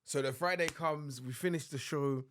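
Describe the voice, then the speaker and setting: A young adult man co-hosting a podcast, recounting events in relaxed casual chat. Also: fairly high pitch, normal speed, a little hiss or hum. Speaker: podcast co-host.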